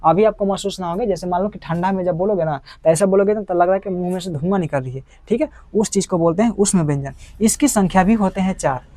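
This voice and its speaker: A man's voice: sits high, fast, few pauses, mellow, no room sound. A male teacher giving a grammar lesson, asking questions and answering them himself over and over. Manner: repetitive call-and-response questioning.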